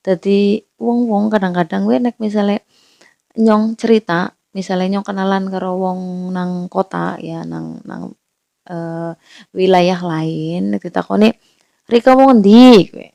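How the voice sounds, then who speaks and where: A woman speaks in a Banyumasan Javanese accent, rambling casually and asking her listeners rhetorical questions. Her voice is low in brightness, mellow and gravelly with fry. The sound is dry and close. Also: flat delivery, measured pace, dry recording. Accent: Banyumasan Javanese (ngapak). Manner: chatty, many fillers, asks rhetorical questions. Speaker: host. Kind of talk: casual talk about local history.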